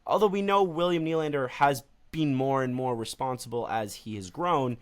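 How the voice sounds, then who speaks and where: A man co-hosting a casual sports podcast, telling stories in a relaxed way with many fillers. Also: medium pitch, moderate pace. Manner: relaxed storytelling with frequent fillers. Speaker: podcast co-host.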